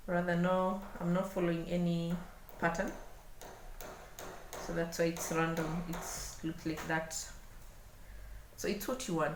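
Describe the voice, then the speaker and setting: A woman with a Kenyan accent giving an unscripted hands-on craft demonstration, speaking haltingly and repeating words as she works. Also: on the low side. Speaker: craft tutorial host. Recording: echoey room, clear background noise.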